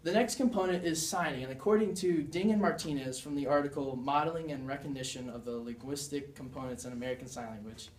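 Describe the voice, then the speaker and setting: A man's voice: mid-range voice, fast talker, hardly any pauses. Young man giving a class talk from afar. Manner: earnest, demonstrating signs while explaining. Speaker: student presenter. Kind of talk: class presentation. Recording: echoey room, mic far off.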